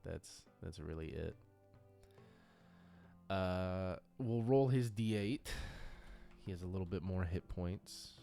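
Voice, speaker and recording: The creator and game master of a tabletop RPG audio drama gives casual, unscripted commentary while working through character sheets, sometimes murmuring little nonsense sounds to himself. His voice sits low, with a creaky, darkish tone.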